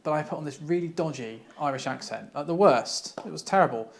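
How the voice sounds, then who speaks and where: A man from cyber security, chatting casually and telling stories in an animated way with bursts of laughter. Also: on the high side, brisk, gravelly. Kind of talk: casual discussion.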